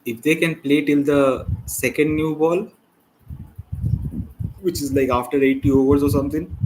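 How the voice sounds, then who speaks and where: A man hosting a live cricket watchalong, rambling and chatty with slang and sudden excited bursts over the play. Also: fairly high pitch, normal speed, poor audio. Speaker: watchalong host. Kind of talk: casual live cricket commentary.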